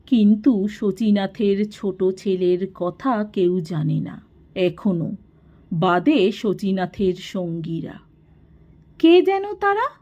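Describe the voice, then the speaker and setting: A woman narrating a classic story in a slow, expressive reading voice. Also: medium pitch, lo-fi sound.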